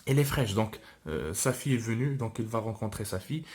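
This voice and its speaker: A man, a French teacher, reads a novel aloud and explains it to his students, pausing often with hesitant fillers and restarts. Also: fairly low pitch, expressive, darkish tone.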